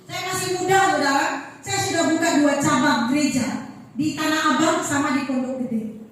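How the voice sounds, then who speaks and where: Woman pastor, from Manado, high voice, lively sermon storytelling, echoey church hall, distant mic. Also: moderate pace, a little hiss or hum. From Manado, Indonesia. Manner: animated, keeps addressing the congregation.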